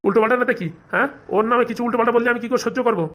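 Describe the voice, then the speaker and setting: A woman voicing a blustering middle-aged male politician husband in a comedy cartoon, shouting demands at his wife. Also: a little high, fairly even intonation, very fast, natural voice. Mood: demanding.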